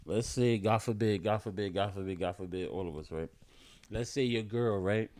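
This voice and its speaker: A man's voice: on the low side, normal speed. A man, co-hosting a casual podcast chat, telling stories with acted-out voices and frequent laughter. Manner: animated storyteller, acts out voices, laughs often. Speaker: podcast co-host.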